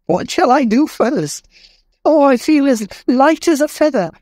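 A man's voice: high-pitched, a little slow, a little mellow, dry recording, clean studio sound, pitched above the performer's own voice. A man voicing old Scrooge in a storybook reading, emotional and exclamatory, pleading with spirits. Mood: overjoyed. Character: old man Scrooge, repentant, desperate then overjoyed.

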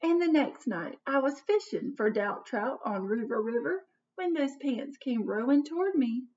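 Reading a picture book to children, a woman in her thirties uses a high, expressive, slightly mellow voice at a measured pace. Like a teacher, she dramatically asks her young audience questions. The sound comes from a webcam at desk distance in a small home office, dull and far from the mic.

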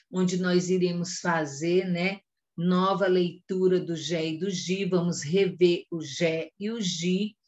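A woman's voice: lowish voice, darkish tone, muffled recording. A Brazilian woman teaching an online lesson to young children, patiently repeating instructions and checking they understood. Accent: Brazilian Portuguese. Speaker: first-grade teacher.

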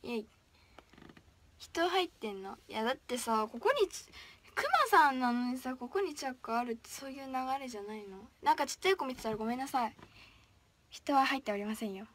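A woman's voice: fairly high pitch, a little fast. A young woman idol chatting casually on a livestream, reading viewer comments aloud in a playful way and often dropping to a whisper. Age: young, still a student.

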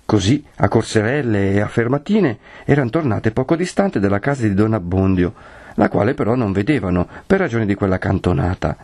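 A man from Italy reading a classic novel aloud as an expressive audiobook narrator. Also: fairly low pitch, a little fast. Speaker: audiobook reader.

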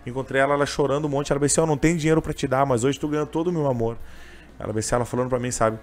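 A man's voice: mid-range voice, steady tone, rapid-fire, faint music behind. A young man with a gaúcho Portuguese accent telling his story in a casual interview, rambling and emotional, full of fillers. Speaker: interviewee, train vendor and singer.

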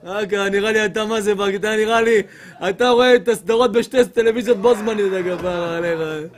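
High-voiced man giving a comic sermon. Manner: animated comic storytelling, acts out women's voices. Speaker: rabbi giving a lecture. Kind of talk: humorous sermon.

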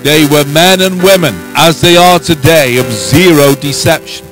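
A middle-aged man preaching and reading out a summary in solemn, declamatory, measured phrases, on a handheld microphone. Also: fairly high pitch, music in the background. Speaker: preacher and prayer meeting leader. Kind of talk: sermon, reading out a prepared summary. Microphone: handheld microphone held close.

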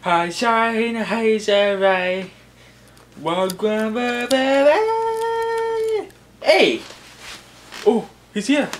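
Man doing a slow, high patois-talking buddy. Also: slight background noise. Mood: playful. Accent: Jamaican-style patois, put on. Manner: slow, sing-song, playful. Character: laid-back male buddy with Jamaican-style patois. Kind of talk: comedic skit character.

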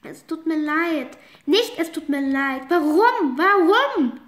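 A woman's voice: sits high, steady tone, a little slow, roomy sound. A woman voicing a jealous, upset teenage girl rider in a horse game role-play, talking plaintively.

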